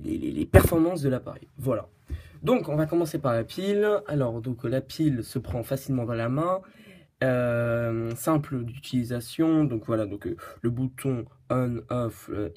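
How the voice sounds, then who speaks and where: A man's voice: mid-range voice, darkish tone, breathy edge. A man hosting a casual product review, hesitant and full of fillers and restarts, joking at his own expense. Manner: hesitant, many fillers and restarts, giggly and self-mocking. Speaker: host of a tech review channel.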